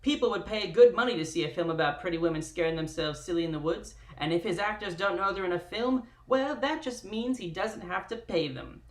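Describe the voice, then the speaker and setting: A dramatic old-time radio announcer, put on by a streamer narrates in theatrical 1940s style and lands each phrase with a punchy pause. The sound is roomy, with a clear echo around the voice. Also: medium pitch, natural voice. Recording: roomy echoey room.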